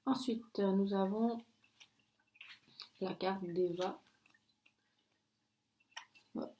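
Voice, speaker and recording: Earnest, halting woman giving a spiritual reading. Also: mid-range voice, steady tone, mellow, slight background noise. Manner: earnest, halting, with frequent restarts and apologies; firm, warning tone. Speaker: spiritual card reader. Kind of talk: channeled oracle card reading.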